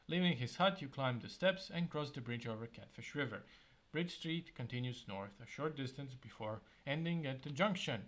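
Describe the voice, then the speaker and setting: A man reads a fantasy gamebook aloud in a mid-pitched voice, then drops into relaxed, halting comments of his own. His asides are casual, with fillers and restarts. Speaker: gameplay video host. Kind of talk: reading interactive fiction aloud with casual commentary.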